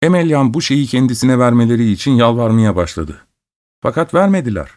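Male storyteller, mid-pitched voice, calm measured scripted narration of a folk tale.

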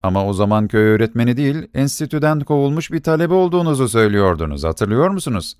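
A man's voice: mid-range voice, sing-song, fast, a little mellow, clean tone, no echo, studio quality, lightly acted. A man voicing an indignant male lawyer who scolds a beggar. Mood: accusing.

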